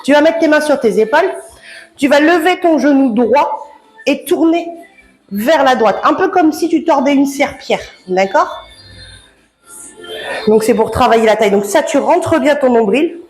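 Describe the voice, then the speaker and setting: A woman's voice: sits high, animated, moderate pace, long pauses, a little mellow. A woman coaching a home workout, chatty and encouraging, laughing often and slightly out of breath. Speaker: fitness coach. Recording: echoey room with background music.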